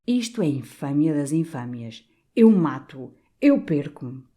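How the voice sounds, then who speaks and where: A woman's voice: sits low, lively intonation, a little slow, warm tone. A woman voicing an old, stout, blustering canon priest who bellows in outrage, for an audiobook. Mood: furious.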